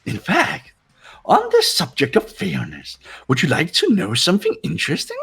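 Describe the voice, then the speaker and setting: With faint music behind him, a man plays a gleefully menacing, mocking robot bear headmaster for a fan-dubbed visual novel game. His exaggerated voice is pitched above his natural one, fairly high, a bit bright and slightly rough, swooping wildly at a moderate pace. It's theatrical, sing-song and smug, full of teasing.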